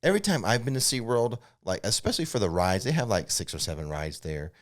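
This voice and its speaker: This fast-talking, very animated co-host has a fairly low-pitched voice and fields viewer questions in an unscripted theme park news chat recorded in a studio. His explanations are informal and matter-of-fact, with a bit of hedging.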